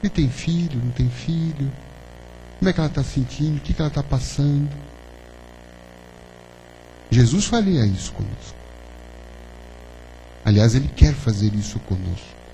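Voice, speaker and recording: A man's voice: mid-range voice, expressive, moderate pace, gravelly, pauses often, dark tone, low-quality recording. A man giving a spiritist lecture to an audience, conversational and full of questions to the listeners and tag "né?". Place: lecture hall of a spiritist center. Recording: faint hum behind the talk.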